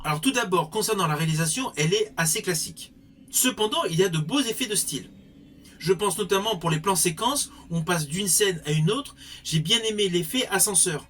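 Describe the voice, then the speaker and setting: A man's voice: high-pitched, expressive, brisk, a bit bright, soft background music. A man giving a spoken film review in an articulate way with formal wording.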